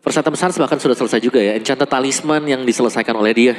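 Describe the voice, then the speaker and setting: Quick-talking Indonesian male esports analyst. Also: mid-range voice. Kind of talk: analytical live match commentary. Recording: clear background venue noise. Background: venue noise.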